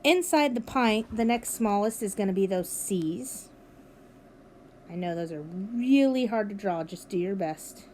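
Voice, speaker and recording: A woman's voice: medium pitch, animated, a little slow, a little mellow, a little hiss or hum. A woman teacher recording a math lesson for her students, upbeat and encouraging as she walks them through each step. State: has the hiccups. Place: at home with her dog nearby.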